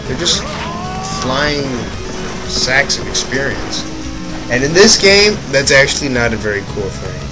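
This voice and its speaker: Loud game music backs a young man's mid-range voice in a low-quality recording. As a let's play commentator, he gives casual, rambling commentary on his own gameplay, correcting himself mid-sentence and adding offhand asides.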